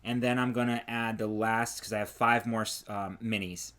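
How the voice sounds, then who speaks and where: A man's voice: on the low side, moderate pace. Male podcast co-host, easygoing, shows his crochet while chatting. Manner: relaxed, trails off and restarts while showing work. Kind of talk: casual chat about crochet.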